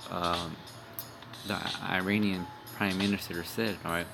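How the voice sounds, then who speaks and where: Speaking a little slowly in a low, creaky, flat voice, a young street preacher gives a rambling, informal video sermon. He curses bluntly and keeps tagging lines with "man" and "all right" as music plays behind.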